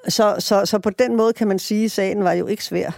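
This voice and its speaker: A middle-aged woman, a prosecutor, gives a documentary interview in a warm, relaxed voice. She speaks earnestly and reflectively, often breaking off and restarting her sentences. The sound is dry and close. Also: mid-range voice, gravelly, no room sound.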